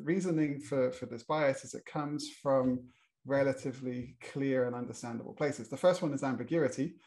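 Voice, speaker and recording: This British panel moderator, middle-aged, has a gravelly, darkish voice in the mid-range. He introduces the subject with a British English accent, restarting often and leaning on fillers.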